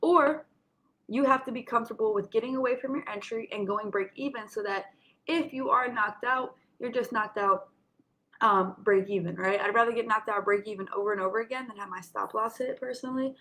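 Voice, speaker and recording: A woman's voice: a little high, a little fast, a bit bright, low-quality recording. A woman coaching traders in informal live chart commentary, instructive and direct with listeners, with a slight lisp from wearing a retainer. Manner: instructive, addressing listeners directly, checking with "right?". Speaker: trading coach hosting a market session.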